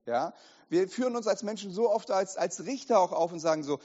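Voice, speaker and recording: A man preaching as a pastor, lively and direct, often asking the congregation questions, recorded in an echoey hall with dull sound. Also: high-pitched, fairly quick. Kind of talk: sermon.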